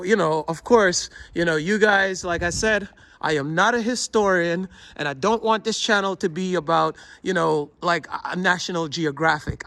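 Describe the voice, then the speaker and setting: A man who is not a native English speaker, gushing and rambling excitedly as a travel vlogger walking around an old hilltop fort outdoors on a handheld camera. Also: high voice, no room sound. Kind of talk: casual vlog walkthrough.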